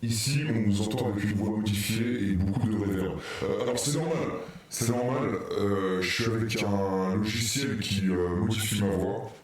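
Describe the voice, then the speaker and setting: A man chatting casually on a live stream through a voice changer that makes his voice deeper and adds reverb, fiddling with his setup as he talks. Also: moderate pace. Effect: voice changer making the voice deeper, with heavy reverb. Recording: heavy artificial reverb, faint noise.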